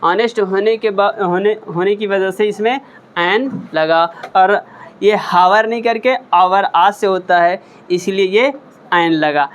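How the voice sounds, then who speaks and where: A man's voice: high voice, measured pace, a bit bright, clean tone, muffled recording. A man teaching English at a whiteboard, repeating each word and asking then answering his own questions. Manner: patient, encouraging learners. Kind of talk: whiteboard lesson explanation.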